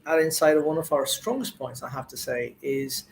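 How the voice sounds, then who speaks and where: A man's voice: medium pitch, fairly even intonation, normal speed, vocal fry, a little hiss or hum, rough recording. A man hosting an interview show, effusive and full of thanks, with fillers and restarts. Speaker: host.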